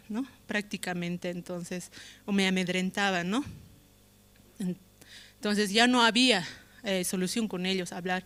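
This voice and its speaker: A woman's voice: mid-range voice, fairly bright tone, clean tone. A woman with a Bolivian Spanish accent giving an emotional testimony in church, often adding "right?" to her phrases. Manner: emotional, tag questions "¿no?" often. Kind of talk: spoken testimony.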